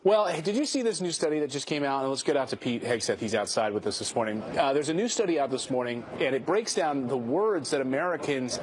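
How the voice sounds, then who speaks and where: A man's voice: mid-range voice, expressive, fast, few pauses, rough recording. A man co-hosting a morning news show, bantering in a playful, teasing manner. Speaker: news co-host.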